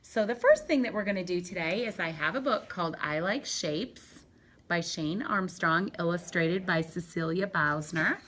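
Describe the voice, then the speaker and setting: A woman teacher talks a class of young children through a lesson at home. Her voice sits a little low, yet she keeps it lively and encouraging. When she reads aloud she stretches out each word in a slow, sing-song way. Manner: bright, encouraging teacher talk.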